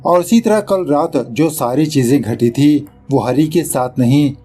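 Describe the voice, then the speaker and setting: Faint music plays behind this man's fairly high, mellow voice as he recaps a film at a measured pace. His chatty narration mixes in English words and takes jabs at the director mid-story.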